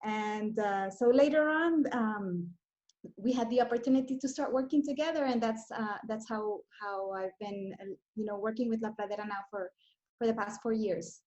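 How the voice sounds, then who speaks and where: A woman's voice: medium pitch, moderate pace, a little mellow, highs cut off. A woman in her forties from Honduras, chatting about coffee farming on a video call, with lots of fillers and restarts. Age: 40s. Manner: hesitant, many fillers and restarts. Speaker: coffee trade representative. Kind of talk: casual video call chat.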